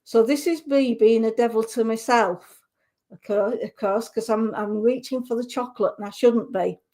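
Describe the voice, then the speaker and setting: A Yorkshire-accented woman with a slightly high voice speaks at a normal speed while doing a live psychic reading on the radio. She's soft and comforting, though she often begins her sentences over.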